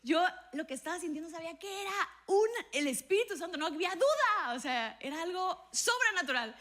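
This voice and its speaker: Bright-voiced woman pastor preaching. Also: very high-pitched, brisk. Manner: animated storytelling, acts out dialogue with a raised voice. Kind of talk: sermon with personal testimony.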